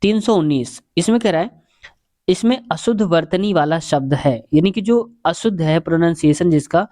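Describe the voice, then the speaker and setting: A man's voice: on the high side, animated, moderate pace, mellow, no echo, clean studio sound. A man explaining exam questions in a casual lesson, chatty and repetitive, calling his viewers friends. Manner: chatty, repeats answers, addresses viewers as friends. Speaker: exam-prep teacher.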